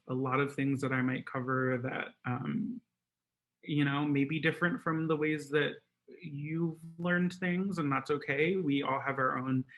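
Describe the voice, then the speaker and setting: A man's voice: medium pitch, fairly bright tone. Man presenting online, casual talk, lots of ums, mid-range voice. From Guatemala, raised in Maryland. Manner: conversational, many fillers.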